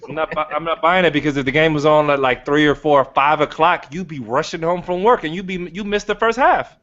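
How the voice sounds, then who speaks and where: A man's voice: fairly high pitch, fairly quick, a bit bright, muffled recording. A man in his thirties, a basketball player guesting on a sports show, arguing casually and tripping over his words. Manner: argumentative, laughs a lot, stumbles over words.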